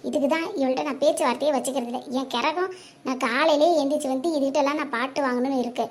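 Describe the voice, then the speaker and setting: A performer voices a quarrelsome, sharp-tongued elderly mother in a cartoon comedy, nagging her son shrilly and hurling insults at him. The delivery is scolding and fast, with fairly even intonation and a natural-sounding voice.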